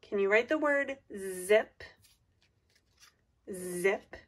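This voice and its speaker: Woman, slightly high voice, slow school dictation, deliberate, repeated words, simple teacher instructions. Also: a bit bright. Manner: deliberate, repeats each word, simple instructions for young children. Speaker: teacher giving a spelling test.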